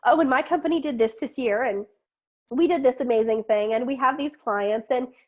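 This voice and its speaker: A woman's voice: fairly high pitch, brisk. A middle-aged woman, a business owner and podcast guest, chatting casually and acting out little quoted lines with laughs. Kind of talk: casual interview chat.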